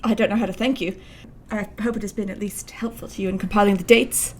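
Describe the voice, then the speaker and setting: A woman's voice: mid-range voice, fairly even intonation, quick pace, darkish tone, a little hiss or hum, natural voice. A woman playing an anxious, courteous male Victorian doctor in a radio play, formal and a little hesitant. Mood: apologetic.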